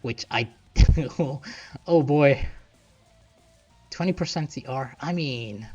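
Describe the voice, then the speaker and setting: A man's voice: medium pitch, takes it slowly, a little mellow. A man doing casual game commentary, thinking aloud and muttering asides as he plays. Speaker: gaming streamer. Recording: dull lo-fi sound, music behind. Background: game music.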